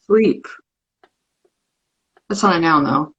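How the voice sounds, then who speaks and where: A woman's voice: deep voice, slow, fairly bright tone, husky, muffled recording. Casual woman host of a live-stream show, playful and chatty, on a phone or webcam mic. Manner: chatty and playful, reading a fill-in word game aloud.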